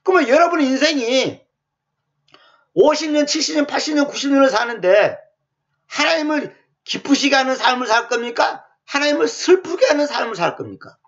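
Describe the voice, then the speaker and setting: A male pastor preaching a sermon in a colloquial, animated way full of rhetorical questions. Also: very high-pitched, moderate pace. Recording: muffled lo-fi sound.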